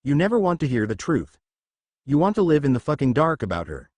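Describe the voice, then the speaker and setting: A man's voice: a little high, very animated, fairly quick, a little mellow, no echo. A man reading the lines of a drunk, furious young woman who snarls and taunts, in an audiobook-style story reading. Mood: raging.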